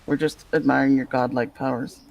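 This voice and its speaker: A man's voice: medium pitch, level tone, a little fast, gravelly, a little mellow, low-quality recording. A man teasing his friends and laughing a lot while they play a game together. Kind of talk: casual gaming chat.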